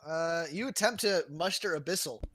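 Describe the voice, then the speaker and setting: A man's voice: a little high, normal speed, a bit bright. A man running a tabletop game as game master, narrating with playful, dramatic flair.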